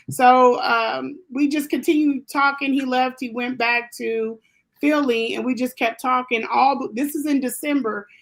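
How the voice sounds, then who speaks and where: A woman's voice: fairly high pitch, gravelly, a bit bright. A woman who grew up in Germany, telling a personal story as an interview guest, rambling with many fillers and restarts.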